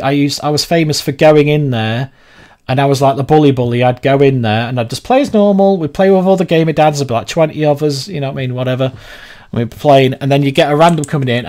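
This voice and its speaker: A man chatting casually during a livestream, rambling from topic to topic with quick laughs. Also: on the high side. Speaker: streamer.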